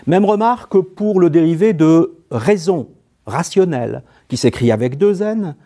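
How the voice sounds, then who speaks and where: A man narrating a scripted spelling lesson in a slow, measured way, spelling out letters one by one. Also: fairly high pitch, dark tone. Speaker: French spelling teacher.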